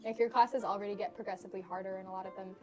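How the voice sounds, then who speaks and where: A woman's voice: medium pitch, steady tone, very fast, warm tone, soft background music. A young woman, a student ambassador, chatting casually with lots of fillers. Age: young adult. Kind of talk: casual chat.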